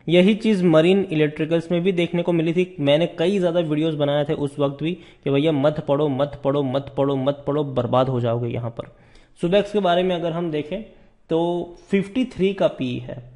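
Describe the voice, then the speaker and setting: Man, stock commentary, conversational, repeats words for emphasis, mellow. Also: on the high side. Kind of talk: casual stock analysis over screen charts.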